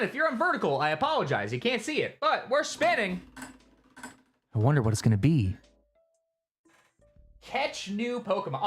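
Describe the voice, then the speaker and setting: A live streamer giving rambling, chatty gameplay commentary while talking to chat, with excitable bursts. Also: mid-range voice.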